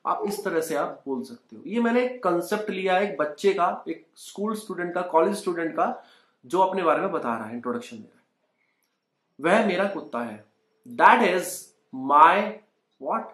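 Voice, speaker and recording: A man's voice: high-pitched, animated, moderate pace, a bit bright. A young Indian man teaching spoken English in Hindi, coaxing learners to repeat the sentences after him. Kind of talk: Hindi-English language lesson. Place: indoors at home. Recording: echoey room.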